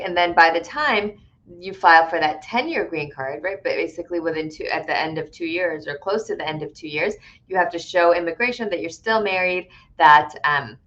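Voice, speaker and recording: Low-pitched lady lawyer chatting through live q&a, keeps saying right?, kinda dull lo-fi sound. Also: fairly bright tone. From Connecticut, USA. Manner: conversational, explanatory, many "right?" tags and "um" fillers. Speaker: immigration attorney. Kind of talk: live-stream Q&A.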